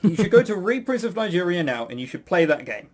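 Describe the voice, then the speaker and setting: A man with a high, sing-song voice talks fast as a podcast host in a casual chat reviewing visual novels. His manner is sarcastic and mock-grumbling.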